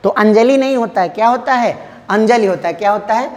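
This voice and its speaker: A man's voice: sits high, brisk, in a large hall. A male teacher giving an exam-prep lesson, who keeps asking the class questions and answering them himself.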